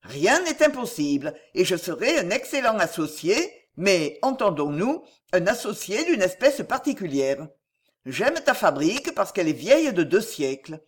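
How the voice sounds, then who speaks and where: Relaxed, teasing well-off gentleman read by a narrator, storybook audiobook. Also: mid-range voice, moderate pace, slightly rough. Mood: calm. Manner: calm, easygoing. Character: wealthy whimsical gentleman, calm and teasing. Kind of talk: audiobook reading.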